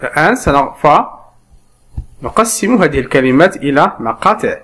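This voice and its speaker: A man's voice: fairly high pitch, sing-song, normal speed, a bit bright. A man teaching French reading to Arabic speakers, patiently repeating each word and answering his own questions. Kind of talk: slow step-by-step reading lesson.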